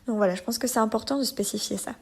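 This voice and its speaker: A woman with a French accent, maybe from Normandy, hosts a lesson podcast, explaining expressions and acting out lively examples with a laugh now and then. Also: fairly high pitch, very fast, slightly rough. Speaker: French teacher.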